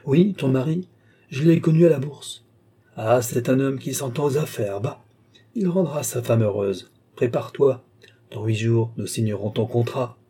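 A man's voice: mid-range voice, moderate pace, warm tone, husky, close to an everyday voice. A man voicing a boastful, rich old father with a pushy, self-satisfied manner in an audiobook. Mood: triumphant.

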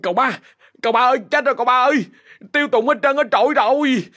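A man's voice: sits high, animated, moderate pace, a bit bright, pitched above the performer's own voice. A man voicing a terrified young male servant who stammers and pleads in a ghost story. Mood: panicked. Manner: whimpering, pleading, frantic.

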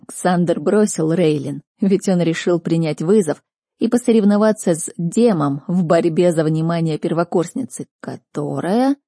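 Woman narrator with a dark, husky voice. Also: fairly low pitch, no room sound, clean studio sound. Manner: sharp, blunt scolding in the heroine's speech. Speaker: audiobook narrator. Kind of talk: audiobook reading.

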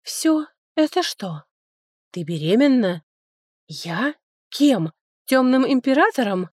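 A woman's voice: high-pitched, very animated, a little mellow, no room sound, clean studio sound, voice pushed up, full character voice. A woman reading an audiobook, voicing a sarcastic, touchy young noblewoman who mocks her older sister. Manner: mocking, biting, quick to snipe.

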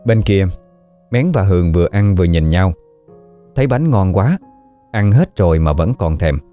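A man narrating a ghost story audiobook in a slow, somber storytelling manner. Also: low voice, expressive, mellow, soft background music.

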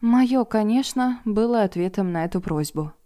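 A woman voicing an indignant, sharp-tongued middle-aged woman who talks loudly and sarcastically. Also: medium pitch, lively intonation, moderate pace, voice pushed up, lightly acted. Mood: wry. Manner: loud, exasperated and sarcastic.

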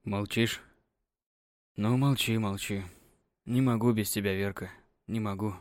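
A woman voicing a brooding, heartbroken young village man who speaks in a hushed, grave and pleading way. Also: extremely low pitch, steady tone, measured pace, dry recording, pitched below the performer's own voice.

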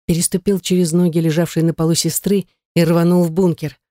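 An audiobook narrator reading a novel aloud in a steady, dramatic way. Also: mid-range voice, brisk, dry recording, studio quality. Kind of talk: scripted narration.

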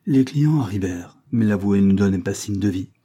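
A man narrating a classic novel in a measured storytelling voice. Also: fairly low pitch, lively intonation, mellow. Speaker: audiobook narrator. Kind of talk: scripted narration.

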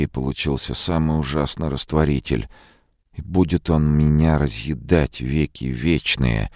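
Deep gravelly guy narrating an audiobook, steady measured reading, dry close sound. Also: no echo. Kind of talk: scripted narration.

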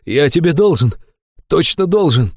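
A man voicing a plump middle-aged businessman, overjoyed and tearful, talking in a high, shouting voice. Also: sing-song, moderate pace, dry recording, studio quality. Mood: giddy, tearful.

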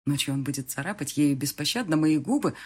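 A woman narrating a first-person audiobook in an expressive, animated way. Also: deep voice, fast talker, breathy edge.

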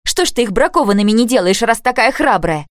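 A woman's voice: mid-range voice, normal speed, a little mellow, no echo, clean studio sound, voice pushed up, close to an everyday voice. A woman voicing a sensitive, earnest teenage girl who pleads and argues indignantly in an audiobook.

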